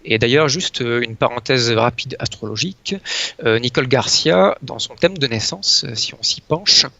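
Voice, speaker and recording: A man presenting as an astrologer guest in casual talk, hesitant and often pausing to search for his words. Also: medium pitch, creaky, sharp tone, no room sound. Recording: dull lo-fi sound.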